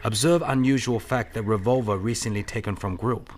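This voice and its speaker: A man gives a lightly acted performance as a courteous, shrewd Chinese detective in an audio re-creation of a 1930s mystery film, using clipped, formal speech without articles and sounding observant. He talks a little fast in a low-leaning voice, with a little hiss or hum.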